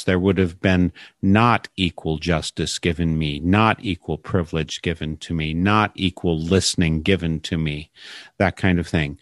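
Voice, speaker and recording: A man's voice: sits low, dry recording, clean studio sound. An older man hosting a radio program, speaking reflectively and searching for his words, often restarting a thought. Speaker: radio host.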